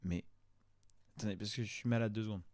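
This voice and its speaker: A man's voice: lowish voice, steady tone, fast, a little mellow, no echo. A man doing casual, exasperated and crude mocking commentary as a video host.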